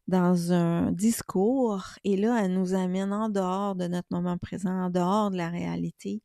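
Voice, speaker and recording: A middle-aged woman with a Québécois accent speaks slowly and softly, her voice mellow and dark. She talks in a calm, soothing, gently reflective way, like a spiritual vlogger sharing a tarot reading. The sound is dry and close. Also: mid-range voice, no echo. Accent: Québécois French. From Quebec. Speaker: spiritual YouTuber and tarot reader. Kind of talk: casual spiritual vlog.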